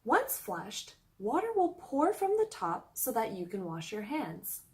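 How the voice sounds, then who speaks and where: A woman's voice: mid-range voice, wildly swooping pitch, measured pace, darkish tone. A young woman from Canada narrating a scripted travel vlog, reading out a countdown list in an upbeat, explanatory way. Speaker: travel vlogger.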